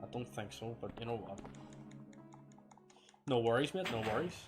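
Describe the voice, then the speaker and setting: Relaxed, chatty male game streamer. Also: medium pitch, normal speed. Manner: relaxed, chatty, mildly self-mocking. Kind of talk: casual gameplay commentary. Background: game music.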